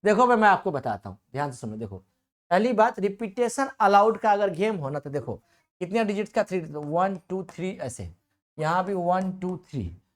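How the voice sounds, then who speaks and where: A man's voice: sits high, very animated, normal speed. A man teaching a classroom math lecture as a coaching teacher, repeating himself and coaxing the class, often asking questions and answering them himself. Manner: repetitive, coaxing, asks and answers own questions.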